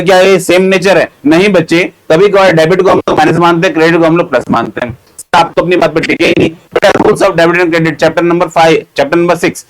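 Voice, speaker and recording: A man's voice: on the high side, poor audio. Man teaching with repetition and self-questions. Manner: repeats key points, asks and answers his own questions; acts out student questions himself. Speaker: accountancy teacher. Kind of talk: classroom lecture.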